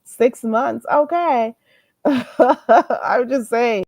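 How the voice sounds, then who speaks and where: A woman with a high, darkish voice talks very slowly on her live stream, trading blunt, profane gossip. Her nose is a little stuffy, and she greets and thanks viewers mid-talk. The recording is dry.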